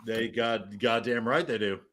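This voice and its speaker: A man's voice: medium pitch, unhurried, a bit bright. A man with a mid-range voice jokes around on a stream with his friends. He is blunt and swears heavily, hammering his opinions home with emphasis. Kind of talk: casual chat.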